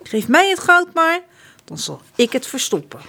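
A woman's voice: high voice, sing-song, moderate pace, vocal fry, pushed and bright, voice pushed up, exaggerated voice. A woman doing a sly outlaw baker. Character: burly loyal outlaw disguised as baker.

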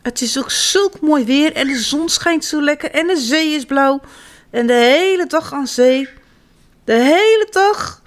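A woman reading children's stories aloud in an expressive, sing-song way as storyteller. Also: high voice, unhurried.

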